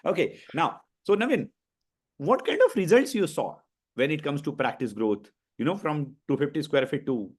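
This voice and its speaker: A man's voice: on the high side, animated, moderate pace, husky. A male coach with an Indian accent leads a motivational interview. He drives each point home with emphasis and repetition, often turning to his listeners to check they are following. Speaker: coach hosting a session.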